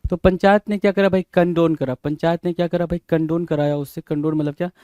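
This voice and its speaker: A man's voice: on the high side, steady tone, fairly quick, dark tone, clean tone, no room sound. A man teaching English vocabulary for exams, spelling words out letter by letter and prompting students with rhetorical questions. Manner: keeps asking "bhai?" as a rhetorical prompt. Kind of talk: exam-prep vocabulary lesson.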